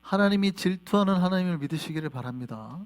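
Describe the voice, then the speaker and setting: Animated male pastor preaching. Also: high voice, fast talker. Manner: animated, asks the congregation questions. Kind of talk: sermon. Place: church sanctuary.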